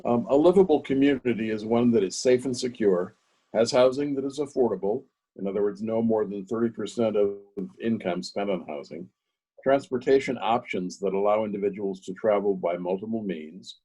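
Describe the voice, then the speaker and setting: A man's voice: fairly low pitch, moderate pace, mellow, slightly rough, poor audio. A man, a volunteer leader, reading a prepared question on a video call. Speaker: volunteer state president asking questions.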